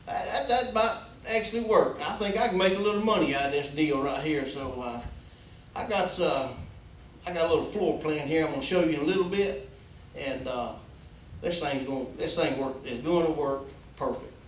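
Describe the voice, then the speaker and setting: Easygoing host, echoey and distant. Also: male voice, on the high side, normal speed. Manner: folksy, easygoing, hesitant fillers. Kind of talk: casual talk and storytelling. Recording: echoey room, distant mic, faint hiss.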